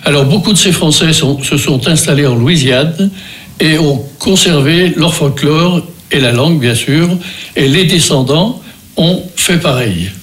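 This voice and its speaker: An older man with a Beaujolais accent hosts a local radio music show. His voice sits a bit high, and he talks in a meandering way, stopping and starting again often. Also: fairly bright tone. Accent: French from Beaujolais. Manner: rambling, hesitant, many restarts and fillers. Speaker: radio host.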